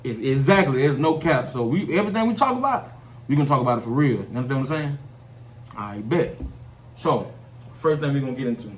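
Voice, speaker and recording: A man's voice: medium pitch, animated, fast. A young man, hosting a casual chat in loose, joking slang. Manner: laid-back slangy talk, loose and joking. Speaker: podcast host. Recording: echoey room, off-mic, faint hiss.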